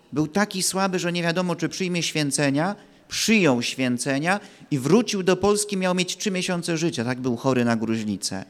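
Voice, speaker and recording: A man preaching a sermon at a slow, deliberate pace, his voice at an ordinary middle pitch. He leans hard on key words and draws them out. The sound carries a long reverb, as in a large church. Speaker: priest.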